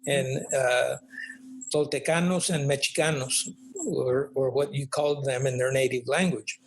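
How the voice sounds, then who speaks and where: Here the older guest, an author, has a mid-range voice with fairly even intonation, a breathy edge and a slightly slow pace. Interviewed in conversation, he muses with many fillers and tag questions. Audio quality is poor, with faint background noise.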